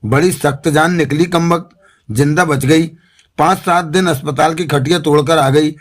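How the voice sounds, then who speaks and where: Man voicing a gruff gangster, slang, blustering, somewhat high voice, audiobook. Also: steady tone, moderate pace, close to an everyday voice. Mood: boastful. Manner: Bombay street slang, blustering. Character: gruff male gangster with two pistols, fond of drink.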